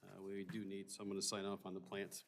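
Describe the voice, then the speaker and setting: Low-voiced man chairing a council meeting. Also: monotone, vocal fry, a little hiss or hum. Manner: brisk, reads motions and statutes aloud. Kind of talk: formal meeting procedure. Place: council chamber.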